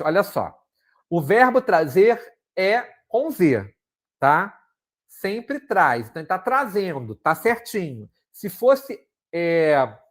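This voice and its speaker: A man's voice: high-pitched, fairly bright tone. A Brazilian man teaching a Portuguese exam-prep lesson, explaining answers step by step and asking the students rhetorical questions. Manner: didactic, checks in with frequent "ok?" and rhetorical questions.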